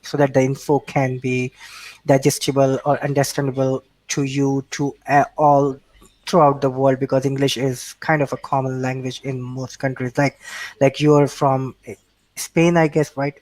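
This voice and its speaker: A native Urdu speaker from Pakistan with a Pakistani accent answers questions hesitantly in a casual remote interview, restarting often and using many fillers. His medium-pitched voice is level, slightly mellow, and at normal speed, in a low-quality recording without room sound.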